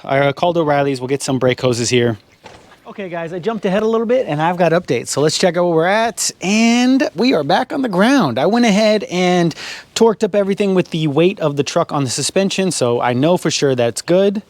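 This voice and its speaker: A man's voice: sits high, expressive, brisk, no echo. Chatty man narrating garage repairs. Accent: Californian English. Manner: chatty, laughs often, calls viewers guys. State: out of breath. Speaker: garage vlogger. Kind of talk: casual how-to narration. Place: home garage.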